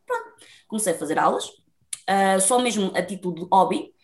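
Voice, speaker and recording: A lively young dancer from Lisbon, speaking with a Lisbon Portuguese accent, shares her story as a guest in an interview, laughing a lot along the way. Her pitch is medium and her pace a touch quick.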